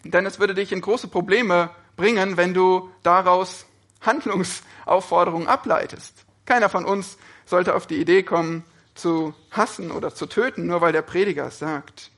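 A man's voice: high voice, moderate pace, fairly bright tone. A man preaching a sermon, speaking earnestly and often putting questions to his listeners.

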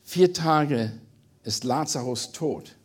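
A man's voice: a little high, expressive, slow pace, slightly rough. A man reading a Bible passage aloud and then preaching on it earnestly, with small slips and restarts. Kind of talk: scripture reading and sermon.

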